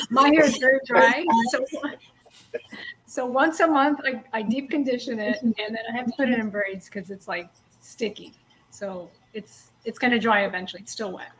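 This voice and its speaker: A bubbly woman joins a casual livestream as a guest, explaining things with quick laughs. Her voice sits a little high, with a faint hiss of noise behind it. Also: fairly bright tone, low-quality recording.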